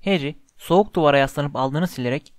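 A man reading a story aloud as narrator, in a steady, expressive way. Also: a little high, fairly quick, no echo. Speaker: audiobook narrator.

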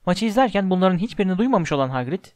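A man narrating a storybook aloud in a steady, measured reading voice, close to the mic. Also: high-pitched, dry recording. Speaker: audiobook narrator.

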